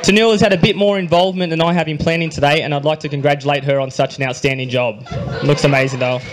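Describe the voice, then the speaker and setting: A young Australian man reading his wedding speech into a handheld microphone at a reception, with dry humor and a quietly emotional delivery. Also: on the high side, steady tone, quick pace, background noise. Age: young adult. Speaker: groom giving a wedding speech. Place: wedding reception hall, indoors.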